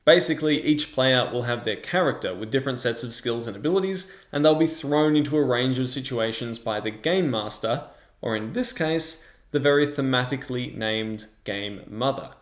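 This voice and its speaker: The host of a tabletop game review channel explains things in a measured, mid-pitched voice. His narration feels semi-scripted, and he speaks into a large microphone in front of him while the reverberant room adds a clear echo.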